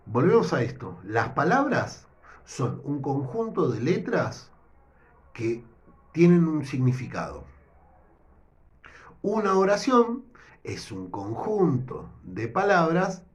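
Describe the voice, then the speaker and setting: A man teaching a lesson with a Rioplatense accent, explaining step by step and often checking in with a quick question. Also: on the high side. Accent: Rioplatense Spanish. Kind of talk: recorded language lesson. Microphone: no whiteboard, improvising with notes.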